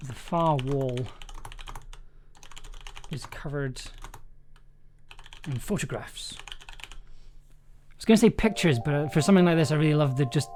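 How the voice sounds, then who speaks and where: Unhurried and expressive, this streamer's medium-pitched, slightly mellow voice pauses often while playfully musing and giggling through writing a story live. Music and keyboard typing sit behind the voice, with slight background noise.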